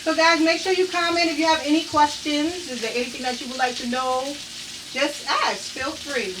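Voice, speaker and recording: A woman's voice: high voice, steady tone, moderate pace, noisy background. A woman hosting a live cooking demonstration from her kitchen, chatty and upbeat and often laughing. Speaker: cooking show host. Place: home kitchen. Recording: distant mic with loud sizzling pan.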